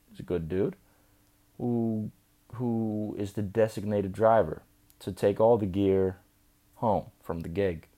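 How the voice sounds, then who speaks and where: Young man, drunk and slurring, deep-voiced, swearing casual storyteller. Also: warm tone. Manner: loose, profane, chatty. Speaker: vlogger. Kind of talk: rambling storytelling.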